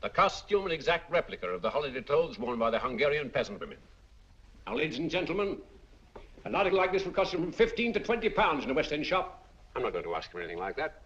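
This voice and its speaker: A man's voice: on the high side, sing-song, fast talker, fairly bright tone. An actor playing a persuasive male auctioneer with a showy sales patter. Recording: dull old film soundtrack.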